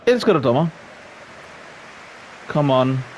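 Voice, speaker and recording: A man giving excitable, exclamation-filled commentary while he plays a football video game. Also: mid-range voice, slight background noise. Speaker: gaming YouTuber.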